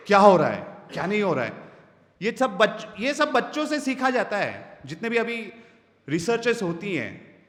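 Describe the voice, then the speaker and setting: In an echoey meetup hall with long reverb, a man gives a live workshop talk on voice-over work. He keeps performing brief example lines to show how tone can change, and his pitch and volume vary widely as he speaks with lots of energy.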